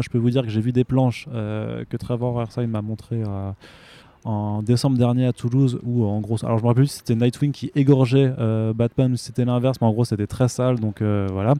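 A man's voice: mid-range voice, warm tone. A man from France co-hosting a podcast, chatty and rambling with frequent restarts. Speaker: podcast co-host. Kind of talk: casual podcast chat.

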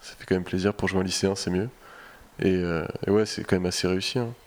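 A man's voice: deep voice, fairly even intonation, quick pace. A man in a casual film discussion, speaking informally and often repeating words as he goes.

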